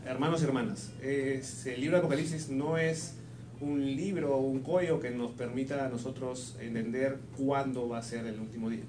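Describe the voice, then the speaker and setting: Speaking at normal speed in a mid-range voice with fairly even intonation, this man renders a sermon consecutively, one phrase at a time. He sounds slightly unsure, reworking his wording along the way, in an echoey space with noticeable background noise.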